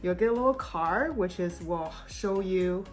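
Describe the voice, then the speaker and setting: A woman's voice: on the low side, unhurried, soft background music. A woman from China, raised in the United States, talking casually to camera in a product review vlog, meandering with frequent ums and restarts. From born in China, raised in the United States. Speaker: YouTube vlogger.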